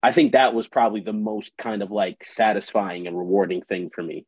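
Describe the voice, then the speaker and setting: A man's voice: lowish voice, steady tone, brisk, a little mellow, breathy edge, no echo. A man talking casually as an interview guest, loose and slangy, leaning on "like" as he goes. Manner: slangy, loose, heavy use of "like". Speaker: interview guest, musician and writer. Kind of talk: casual conversational interview talk. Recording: dull lo-fi close dry audio.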